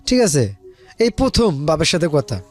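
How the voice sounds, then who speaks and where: A man with a Bangladeshi accent, his voice a little high with huge pitch swings, tells his life story as a guest at normal speed over faint music. His speech is casual and colloquial, rambling and repeating phrases as he quotes conversations.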